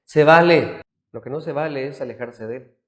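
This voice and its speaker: A man, a pastor preaching a sermon with emphatic storytelling that drops to quiet, soft tones. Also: fairly high pitch, moderate pace. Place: church, streamed live.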